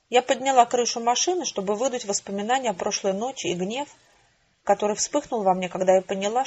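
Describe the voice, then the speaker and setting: A woman narrates a first-person audiobook in a measured, dry and even way. Her voice is husky and sits slightly high. The recording sounds dull and lo-fi.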